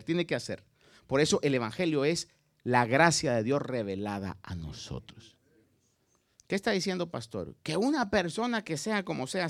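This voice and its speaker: A male pastor delivering a dramatic sermon, swinging from loud emphatic bursts to quiet, drawn-out phrases. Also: medium pitch.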